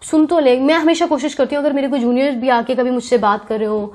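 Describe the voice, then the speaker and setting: A woman answering interview questions in an earnest, thoughtful way, pausing often and mixing English words into her speech. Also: high voice, fairly even intonation, a little mellow. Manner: earnest, thoughtful, talks at length, with frequent pauses. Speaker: interview guest. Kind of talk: reflective interview conversation.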